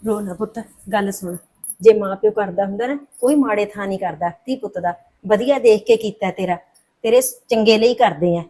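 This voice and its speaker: A woman's voice: mid-range voice, normal speed, mellow, natural voice. A middle-aged woman with a Punjabi accent playing a mother who scolds and coaxes her daughter in a short film drama. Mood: coaxing. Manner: scolding then coaxing. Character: worried mother torn between son and daughter.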